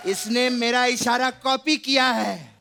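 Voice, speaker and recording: A man's voice: extremely high pitch, steady tone, takes it slowly, creaky, over a noisy crowd, full character voice. A man playing a boastful, bumbling baba father in a comedy sketch, brash and teasing. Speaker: comedy performer. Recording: loud studio audience behind.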